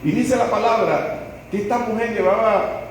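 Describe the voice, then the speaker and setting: High-voiced pastor preaching. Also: male voice, moderate pace, a little hiss or hum. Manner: dramatic storytelling, acting out the people in the stories. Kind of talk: sermon. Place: church sanctuary. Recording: echoey church hall, voice from far off.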